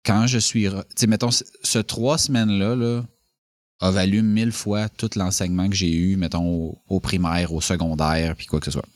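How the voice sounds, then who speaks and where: A man with a Quebec French accent talks casually in a lowish voice. He rambles, restarts his sentences and leans on filler words. The sound is close and dry, with no room around it. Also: steady tone, normal speed, no echo. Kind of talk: casual conversation.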